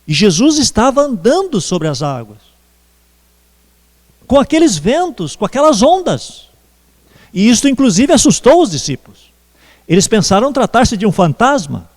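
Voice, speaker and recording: A man preaching a sermon as pastor, slow and measured with pauses. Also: very high voice, sing-song, big-room sound. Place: church.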